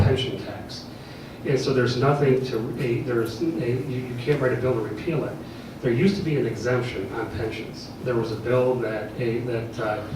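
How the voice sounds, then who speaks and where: A man's voice: medium pitch, distant mic, noisy background. A man, a candidate at a public forum, answering in a hesitant way full of restarts, heard in a large echoey hall. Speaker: political candidate.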